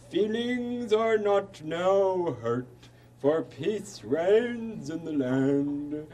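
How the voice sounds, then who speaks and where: A pompous puppet king from a children's show , performed by a man, holds forth in a booming, regal manner. He takes his words extremely slowly, with a dark, mellow tone and formal, self-satisfied stateliness. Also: distant mic. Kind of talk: children's television puppet play.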